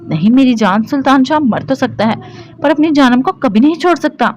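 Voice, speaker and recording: A woman's voice: high voice, lively intonation, a little mellow, slight background noise, pitched above the performer's own voice. A woman voicing a tender young husband who soothes his wife in an audio novel. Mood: soothing. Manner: soothing, affectionate.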